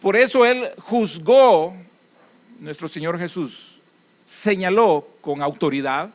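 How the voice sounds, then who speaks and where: Salvadoran male preacher, high-pitched, folksy conversational delivery, dull lo-fi recording. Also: expressive, slow. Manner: conversational preaching with folksy anecdotes and tag questions. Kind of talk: sermon.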